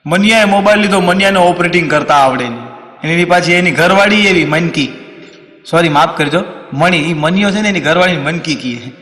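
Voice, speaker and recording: A man from Saurashtra with a Kathiawari Gujarati accent, telling comic stories on stage in a lively way. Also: a little high, brisk. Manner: lively, swings into loud acted quotes. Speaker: stand-up comedian. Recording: long hall reverb on a stage mic.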